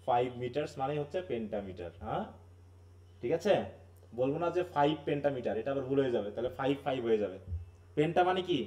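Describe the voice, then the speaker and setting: A man's voice: mid-range voice, expressive, fast talker, dark tone, far from the mic. A man from Bangladesh teaching a live online English literature class. He explains step by step, mixes in English terms and keeps asking if students follow. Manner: explanatory, often checks understanding with tag questions.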